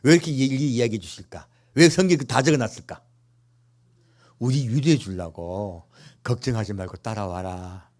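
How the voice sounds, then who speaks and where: Speaking at normal speed in a mid-range, slightly mellow voice, a male pastor delivers a sermon in church. Rhetorical questions to the congregation alternate with playful, funny asides.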